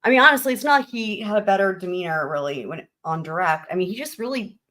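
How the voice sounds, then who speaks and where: A woman's voice: medium pitch, animated, quick pace, bright, forceful tone. A woman reacting casually to trial footage as a commentator, blunt, informal and sarcastic.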